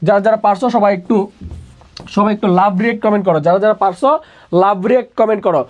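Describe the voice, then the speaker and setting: A man's voice: high voice, steady tone, very fast, darkish tone. Man drilling students by repeating questions. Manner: repeats each question and answers it himself in a call-and-response drill; mixes English words into his speech. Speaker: admission test tutor. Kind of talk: online exam-prep lesson.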